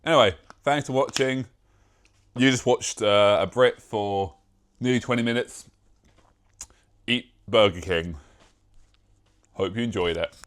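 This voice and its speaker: A man's voice: fairly low pitch, unhurried, long pauses, fairly bright tone. Rambling, self-mocking British guy. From Britain. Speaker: YouTuber. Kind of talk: casual vlog.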